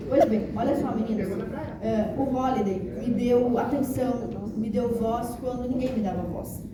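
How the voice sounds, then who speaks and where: A former state deputy from Santa Catarina, Brazil, speaks at a public event in a fairly high voice at a moderate pace, with a rural Santa Catarina Portuguese accent. She thanks people gratefully and tosses warm, joking asides to the audience. The distant mic captures an echoey, large council hall full of noisy crowd sound.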